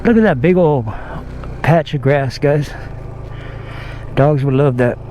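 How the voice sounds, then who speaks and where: A man's voice: fairly high pitch, slow pace, dark tone, a little hiss or hum. A man casually vlogging about his scooter outdoors, rambling in a folksy way with fillers and self-corrections. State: out of breath. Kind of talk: casual vlog talk.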